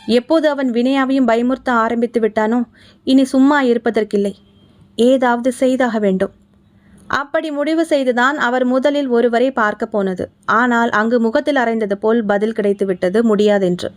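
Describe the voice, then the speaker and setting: A woman's voice: fairly high pitch, normal speed. A woman with a Tamil accent, reading a horror story aloud and voicing each character herself. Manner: voices every character herself. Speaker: audiobook narrator. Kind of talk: scripted storytelling narration.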